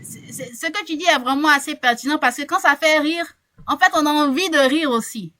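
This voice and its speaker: Bright, lively woman coaching on a call. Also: high-pitched, fairly quick. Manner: lively, encouraging, repeats words when thinking. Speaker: English coach. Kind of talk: online group coaching session.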